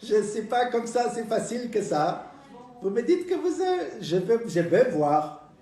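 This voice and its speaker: A man voicing a cunning woman of ninety-five in a high, wavering falsetto with a drawn-out, sing-song delivery. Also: sing-song, mellow, full character voice. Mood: coaxing. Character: cunning 95-year-old woman, sly gambler. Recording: roomy, from a distance.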